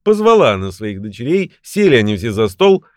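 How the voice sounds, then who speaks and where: A man reading a fairy tale aloud in an expressive storytelling way. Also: mid-range voice, fairly quick, no echo, clean studio sound.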